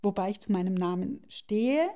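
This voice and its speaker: As an interview guest, a middle-aged South Tyrolean woman from Italy talks reflectively in her regional accent, her mid-range voice dark in tone yet animated. Her phrasing is halting, as if searching for words.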